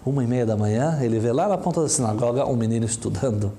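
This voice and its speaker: A man telling a story in an animated way, acting out the dialogue. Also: mid-range voice, quick pace.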